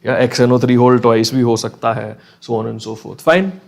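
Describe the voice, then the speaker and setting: A man's voice: medium pitch, fairly quick, vocal fry, darkish tone. North Indian man teaching a live class. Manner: checks in often with short questions and tags; mixes Hindi phrases into English. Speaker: online chemistry teacher. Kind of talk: live class lecture, conversational.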